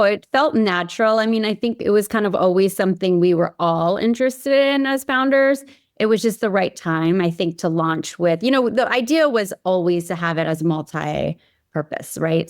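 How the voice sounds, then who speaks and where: In clean studio sound free of room echo, a woman with a fairly low voice chats as a podcast guest. She's a company founder from Hawaii, United States, casually sharing her own story and using fillers like "you know" and "like" a lot.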